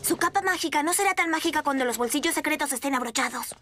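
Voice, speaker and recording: A scheming, sarcastic little cartoon girl played by a woman with a Latin American accent. She is high-pitched and lively, bossing everyone over clear background music. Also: quick pace, lightly acted. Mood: urgent, bossy. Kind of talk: dubbed cartoon acting.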